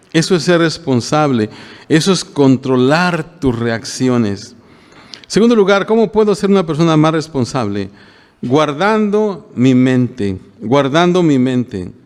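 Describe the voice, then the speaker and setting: A man's voice: fairly high pitch, lively intonation, a little slow, darkish tone, in a large hall. An older male pastor preaching a homely, conversational sermon to his congregation and often checking in with them. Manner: homely, plain-spoken, often asks the congregation "¿verdad?".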